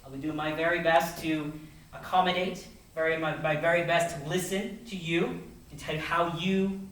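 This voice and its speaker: A man's voice: a little high, a bit bright. A man in his twenties, host and lead investigator, narrating a ghost hunt and earnestly addressing spirits. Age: 20s. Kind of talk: ghost-hunting narration and group briefing.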